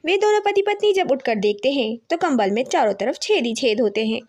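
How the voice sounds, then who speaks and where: High-voiced woman narrating a cartoon. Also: expressive, brisk, darkish tone. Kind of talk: scripted storybook narration.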